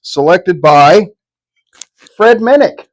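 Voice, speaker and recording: Middle-aged man, folksy and halting. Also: high voice, expressive. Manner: profane, folksy, halting delivery. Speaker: whiskey review host. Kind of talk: casual chat, whiskey tasting review.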